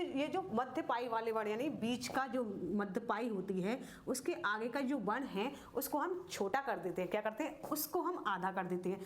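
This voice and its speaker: A woman teaching Hindi writing, slowly repeating each word and quizzing the viewer with questions. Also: on the high side. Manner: slow, repeats words and asks questions to the viewer. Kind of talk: classroom-style grammar lesson.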